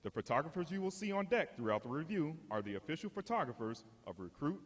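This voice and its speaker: A man's voice: a little high, sing-song, quick pace. A man making a formal public announcement as a ceremony announcer. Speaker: ceremony announcer and drill caller. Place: large indoor drill hall. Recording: reverberant hall public address.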